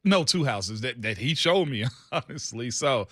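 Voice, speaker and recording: A man's voice: mid-range voice, lively intonation, a little slow, fairly bright tone, dry recording, studio quality. A man with a Southern US accent co-hosting a talk show, chatting and storytelling in a folksy, colloquial, emphatic way. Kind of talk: casual banter and storytelling.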